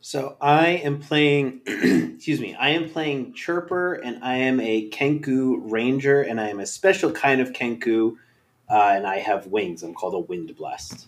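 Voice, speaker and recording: A man at a tabletop game who speaks in a mid-pitched voice. He talks in a measured, curious way as he plays. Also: lively intonation. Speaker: player. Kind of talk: casual tabletop role-play.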